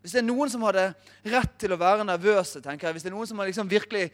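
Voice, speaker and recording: A man in his thirties preaching, telling a funny personal story in an animated, self-mocking way. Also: high-pitched. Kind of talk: storytelling sermon.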